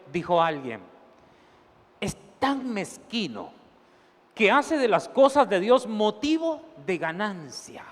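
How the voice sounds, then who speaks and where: Male pastor, sermon, high voice, slow delivery, long church reverb. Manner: animated preaching, acts out scenes and laughs at his own jokes.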